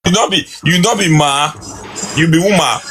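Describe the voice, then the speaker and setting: A man's voice: a little high, normal speed. A man speaking with a Nigerian Pidgin accent, taunting and teasing as a guest on a live stream. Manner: taunting, playful. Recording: music playing behind.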